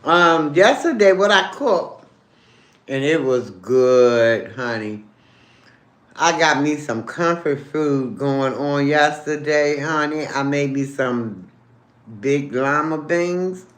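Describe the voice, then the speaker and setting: A woman's voice: sits low, slow pace, reverberant. A woman hosting a casual livestream, chatting with viewers over her lunch, calling them baby and honey and humming as she chews. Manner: talks while chewing, hums over food. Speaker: livestream host. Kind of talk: casual live chat while eating lunch.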